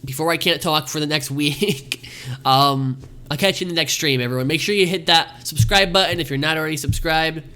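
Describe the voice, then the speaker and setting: On his casual livestream, a young man talks fairly quickly in a sharp, high-leaning voice that is starting to fail him. He rambles on and repeatedly thanks the people watching.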